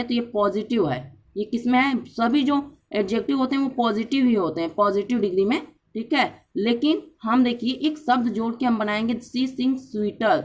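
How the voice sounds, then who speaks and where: Patient woman teaching grammar. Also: on the high side. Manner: patient, repeats points with check-ins. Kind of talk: explanatory lesson.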